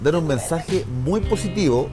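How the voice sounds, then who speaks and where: A man's voice: on the high side, expressive, moderate pace. A man giving his commentary as a panelist on a TV talk show. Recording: faint music bed under the voice.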